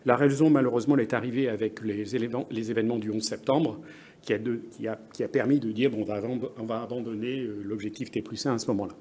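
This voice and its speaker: A man's voice: mid-range voice, fairly even intonation, fast, a little mellow, breathy edge. Hesitant French man, American-tinged accent. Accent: French with an American English accent. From France. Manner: hesitant, many fillers and restarts. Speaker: conference speaker. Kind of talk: conference presentation. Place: conference room.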